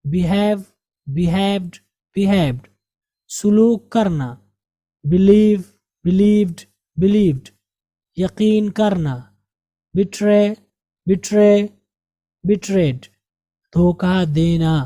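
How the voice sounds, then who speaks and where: A woman teaching English with an Indian Urdu-speaking accent, her voice mellow and dark. She goes through words at a slow, deliberate pace and repeats each one for pronunciation. The recording is close and dry. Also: medium pitch, dry recording. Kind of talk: grammar and vocabulary lesson.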